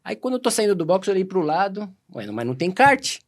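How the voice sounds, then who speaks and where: A Brazilian man telling stories as a podcast guest, casual and animated, acting out quoted dialogue. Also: sits high. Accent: Brazilian Portuguese. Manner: animated, quick anecdotes full of quoted dialogue. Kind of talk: casual storytelling.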